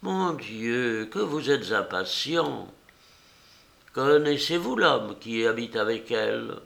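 A man's voice: mid-range voice, expressive, slow pace, vocal fry, a bit bright, exaggerated voice. A man voicing a garrulous, fussy old woman enameller who rambles on in a prim way. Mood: rambling. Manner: chatty, meandering, prim.

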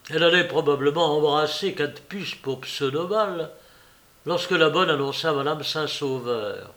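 A man narrating a story in a measured audiobook reading. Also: fairly high pitch, a bit bright.

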